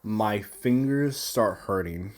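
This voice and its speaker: A man's voice: on the low side, slow. A young man casually recapping a frustrating game boss fight, rambling, slangy and full of swearing. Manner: slangy, profane, rambling with restarts. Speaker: gamer recounting a boss fight.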